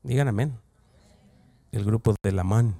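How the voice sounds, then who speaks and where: A man pastor delivering a lively, humorous sermon, acting out quoted voices and joking with the congregation. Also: fairly low pitch, normal speed, vocal fry.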